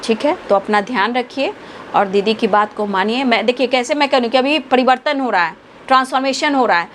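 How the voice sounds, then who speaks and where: A woman's voice: a little high, fairly quick, a little hiss or hum. A woman tarot reader, giving spiritual guidance to her viewers in an earnest, affectionate, preachy way.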